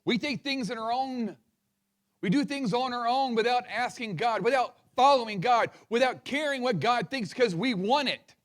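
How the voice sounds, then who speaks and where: A man's voice: extremely high pitch, normal speed. A male pastor delivering a sermon, passionate and fired up, calling on the congregation to answer back. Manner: passionate, fired-up preaching with crowd call-and-response.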